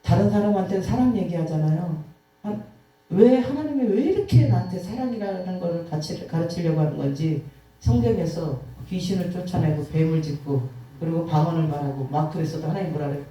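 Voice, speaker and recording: Dark-voiced woman preaching in echoing church. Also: fairly low pitch, fairly quick. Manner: animated storytelling, acting out quotes, sighing. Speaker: guest preacher. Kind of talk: emotional testimony sermon. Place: church sanctuary. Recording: echoey hall from far off.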